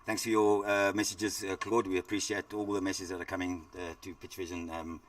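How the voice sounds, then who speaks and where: A middle-aged South African man commentates live cricket, chatty and rambling, with plenty of fillers. His voice sits very low. He is picked up from a little way back from the microphone. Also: level tone, fairly quick, far from the mic.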